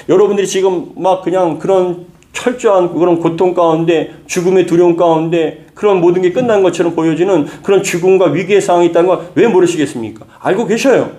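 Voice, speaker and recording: A middle-aged man preaching a Sunday sermon with a somewhat high voice. He repeats key phrases for weight and climbs to forceful high peaks. He slows right down to read scripture aloud. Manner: reads scripture slowly with the congregation. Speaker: pastor.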